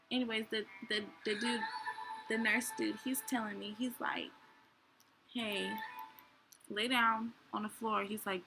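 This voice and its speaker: A woman's voice: mid-range voice, creaky, noisy background. A young woman hosting a show, telling her own story candidly in a rambling way with many fillers. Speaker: podcast host. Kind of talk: personal storytelling.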